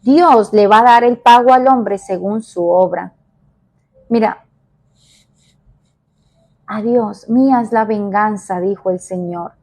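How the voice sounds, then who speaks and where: A woman evangelist giving a devotional sermon, emphatic and repetitive, moving between soft and raised delivery. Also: medium pitch.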